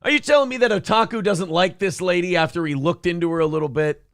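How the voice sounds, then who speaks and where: A man's voice: sits high, fast talker, creaky, fairly bright tone, no room sound, clean studio sound. A man hosting a comedy show with casual, mocking reaction commentary, sarcastic and crude in his joking.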